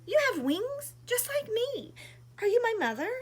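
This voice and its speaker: Casting: woman performing lonely storybook baby bird, very high swooping voice, childlike and pleading. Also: sing-song, moderate pace. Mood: hopeful pleading. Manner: pleading, whiny childlike delivery. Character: lonely little bird child searching tearfully for a mother.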